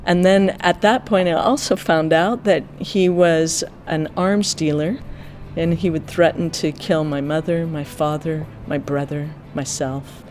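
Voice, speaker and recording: A live interpreter voice relays a personal testimony in the first person, steady and plain, pausing between short phrases. The pitch sits in a middle range. A faint hum of noise runs underneath. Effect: live interpreter voice speaking for another person in first person.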